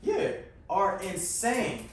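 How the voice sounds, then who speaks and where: Emphatic man with a higher voice, echoey. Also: wildly swooping pitch, extremely slow, a little hiss or hum. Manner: emphatic, blunt. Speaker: podcast co-host. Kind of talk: casual chat. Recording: echoey room, distant mic, faint ambience.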